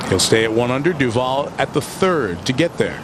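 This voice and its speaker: A man's voice: mid-range voice, sing-song, moderate pace. A man anchoring live golf coverage as a play-by-play commentator. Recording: loud outdoor background noise. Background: loud outdoor noise.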